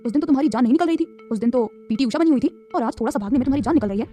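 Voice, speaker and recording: A woman's voice: high voice, animated, rapid-fire, mellow, faint music behind. A woman voicing a stern, sarcastic young man who bosses and teases his secretary. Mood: bossy teasing. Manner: bossy, sarcastic scolding. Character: stern young man, teasing bossy employer.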